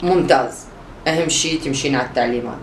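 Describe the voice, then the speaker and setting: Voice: mid-range voice, fast, far from the mic, close to an everyday voice. A short-tempered diet doctor with an Iraqi accent barks curt orders in a comedy sketch, as a performer plays him. The voice sits back from the mic in an echoey room. A faint hiss runs underneath. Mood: instructive. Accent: Iraqi Arabic. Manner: curt, brusque.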